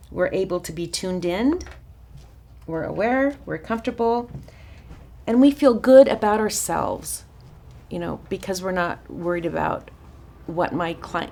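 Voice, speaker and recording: A woman with a raspy voice teaching a counseling workshop in a chatty, informal way, often restarting her sentences. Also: lowish voice. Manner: chatty, warm-hearted asides with frequent restarts and fillers. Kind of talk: informal teaching talk to a small group.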